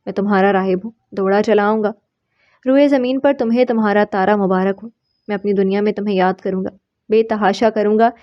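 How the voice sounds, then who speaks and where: A woman voicing a heartbroken young man, soft, tender and resigned. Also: mid-range voice, steady tone, highs cut off, close to an everyday voice. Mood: sorrowful. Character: heartbroken young man writing a farewell letter.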